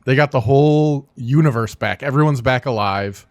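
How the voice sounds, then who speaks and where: A man's voice: mid-range voice, moderate pace, no room sound, clean studio sound. A man co-hosting a casual movie podcast, rambling and hesitant with lots of fillers. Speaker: podcast co-host.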